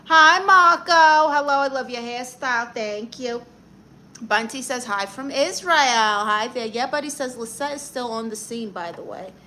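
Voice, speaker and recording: Reading out viewer comments on her livestream, this brassy young Brooklyn native answers with sassy advice and rapid-fire comebacks in her Brooklyn accent. She has a fairly high, bright, forceful voice, and a little hiss or hum sits under the audio.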